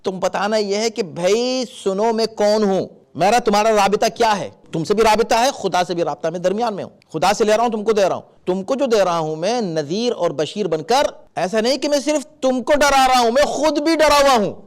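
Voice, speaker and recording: A middle-aged man explaining Quran verses in sermon style, animated and acting out warning calls in his examples. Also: sits high, few pauses. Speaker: Islamic scholar giving Quran commentary.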